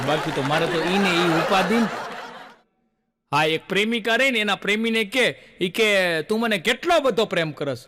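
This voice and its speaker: A male stand-up comedian, telling folksy jokes and acting out the lines of his characters. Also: high voice.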